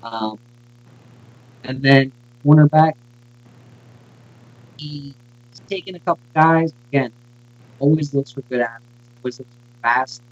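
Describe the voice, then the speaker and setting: A man's voice: mid-range voice, unhurried, pauses often, no room sound. Man on a glitchy, dropping call line. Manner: rattles off draft statistics, casual fillers. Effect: audio cutting out and dropping in level. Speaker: sports radio host. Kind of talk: casual sports analysis chat. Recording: dull lo-fi call audio.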